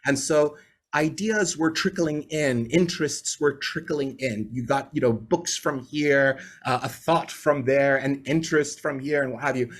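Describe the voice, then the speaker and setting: Measured in pace and medium in pitch, this Bahraini man in his forties speaks English as his native tongue. As a video-call interview guest, he spins casual stories in a chatty, winding style, checking in with "right?" after his points.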